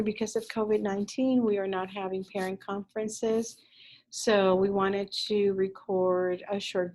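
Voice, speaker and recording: A woman teacher in her fifties, originally from Puerto Rico, talks to parents in a recorded introduction from her classroom. She speaks in a chatty, friendly way, with plenty of fillers and small restarts. Her voice sits at an ordinary middle pitch, recorded on a laptop mic in the room. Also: rough recording. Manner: chatty, warm-hearted rambling with fillers. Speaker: Spanish teacher.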